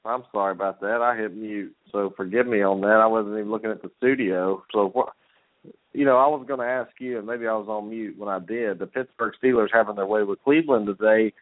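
A man's voice: on the low side, fairly even intonation, brisk, dry recording. A man hosting a sports talk show, fired up and rambling as he jumps from game to game. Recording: tinny phone-like line, dry.

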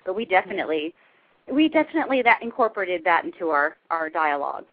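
A woman's voice: lowish voice, sing-song, quick pace, no echo. Chatty woman on a phone line. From Southern California. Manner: chatty, laughing, explaining. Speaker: guest, life coach. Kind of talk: casual radio interview.

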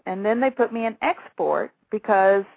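This middle-aged Southern woman, an author from Shreveport, Louisiana, is a guest on a phone interview, spinning rambling, self-deprecating tales of her career. She sounds animated and creaky at a normal pace in a mid-range voice, with a tinny line and no room sound.

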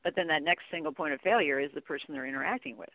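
On a narrow, tinny phone-like line, a woman appears as a guest expert on contact center training in a conversational interview, speaking informally and with emphasis. Her voice is deep and very fast, with no echo.

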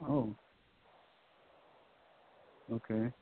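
A man's voice: medium pitch, fairly even intonation, drawn-out words, husky, no echo. A man calling a psychic hotline, chatting casually and answering briefly, with some hesitation. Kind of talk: casual phone conversation. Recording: muffled narrow phone line.

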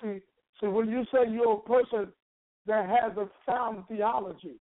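A preacher with a hoarse, frog-like croaky voice, teaching a sermon in emphatic, deliberate short phrases with rhetorical repetition. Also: mid-range voice, steady tone. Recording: narrow, phone-like sound.

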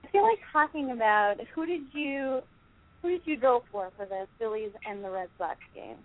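A woman's voice: on the high side, expressive, normal speed. A woman calling in to a radio show over the phone, chatting casually as an upbeat sports fan. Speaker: caller. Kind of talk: casual call-in chat. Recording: tinny phone line.

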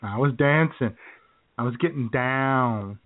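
Speaking slowly at a medium pitch, this man co-hosts a podcast in a casual, joking, sarcastic chat with frequent laughter. The audio is tinny and phone-like.

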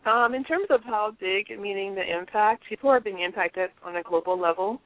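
Her story comes through a tinny, dry phone line with no echo: a Liberian woman giving interview testimony, earnest and reflective, frequently starting over. She has a medium-pitched voice and talks a little fast.

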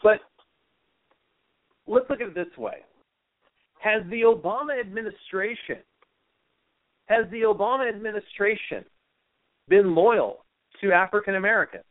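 A man's voice: high voice, unhurried, long pauses, dry recording. A man hosting a political talk radio show, giving opinionated commentary full of rhetorical questions. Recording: tinny phone-like audio.

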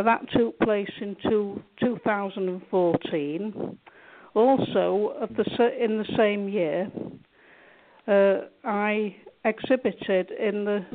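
A woman from England answering interview questions about her art, hesitant, with many fillers and restarts. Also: mid-range voice. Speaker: guest artist. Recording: tinny phone line.

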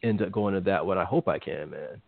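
Low-voiced man on a tinny line. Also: a little fast, vocal fry, a little hiss or hum. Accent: General American. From Virginia. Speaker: podcast co-host. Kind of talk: casual boxing podcast chat. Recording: tinny phone-like line, dry.

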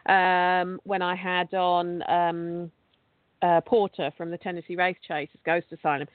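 A woman's voice: fairly low pitch, flat delivery, measured pace, no room sound. A chatty woman tells a ghost-hunting story in loose, rambling sentences, often restarting mid-phrase. Her voice comes through a dry, tinny, phone-like call line with no room sound at all. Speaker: guest, paranormal investigator and podcast host. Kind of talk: casual conversational storytelling.

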